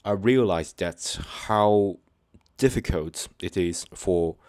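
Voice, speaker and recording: Speaking off the cuff to his viewers, a channel host with a very deep voice halts often, restarts his sentences and leans heavily on fillers. He comes across as earnest and sincere, and the recording is close, dry and a little mellow, with no sense of a room.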